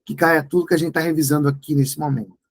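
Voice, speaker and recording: A man's voice: fairly high pitch, steady tone, quick pace, rough recording. A Brazilian Portuguese tutor, a man, going through exam questions in a review class. He talks in a didactic way, checks in with his students often, and breaks words into syllables to stress them.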